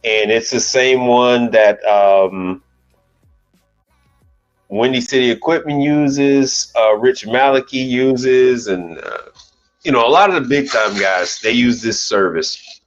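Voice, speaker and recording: Talking slowly at an ordinary, easy pitch, an American man in his forties rambles casually through a live chat, often restarting and cursing mildly. He's a commercial appliance repair technician who hosts a channel. The recording sounds dull and lo-fi, with faint music underneath.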